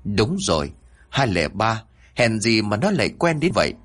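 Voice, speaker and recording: Husky-voiced man narrating a horror story. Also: normal speed. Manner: expressive, shifts pitch for emotional moments.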